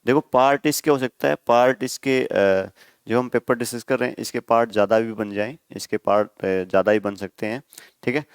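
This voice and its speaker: A man's voice: mid-range voice, fairly quick, clear, resonant tone, no echo. Male exam-prep tutor, clean and resonant, dry sound; answers his own questions, spells words out letter by letter. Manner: asks the class questions and answers them, with frequent "okay?" checks. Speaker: exam coaching teacher. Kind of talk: exam-prep vocabulary lesson.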